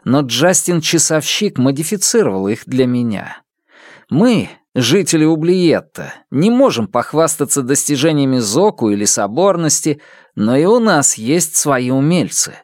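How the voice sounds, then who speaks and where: A man's voice: on the high side, big pitch swings, a little slow, a little mellow, dry recording, clean studio sound, pitched above the performer's own voice. A man reading aloud, voicing a defiant, earnest young man who is a detective in a storybook.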